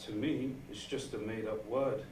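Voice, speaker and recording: A stern male mentor on stage, slow, terse and commanding, acted by a man playing both parts. The voice is lower and blunt, heard from a distance in an echoey room. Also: steady tone, darkish tone, close to an everyday voice. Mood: dismissive. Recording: echoey room from far off, faint noise.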